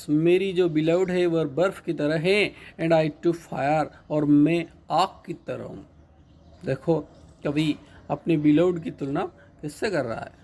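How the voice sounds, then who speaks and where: A male teacher giving a patient, repetitive lecture, reading each line of an English poem slowly and then explaining it in Hindi. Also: a little high, darkish tone.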